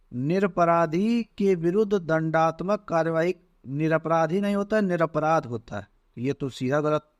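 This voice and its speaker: A man teaching as he goes through an exam paper, slow and deliberate, often checking in with "theek hai". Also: a little high, dry recording, clean studio sound. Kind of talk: exam paper walkthrough lesson.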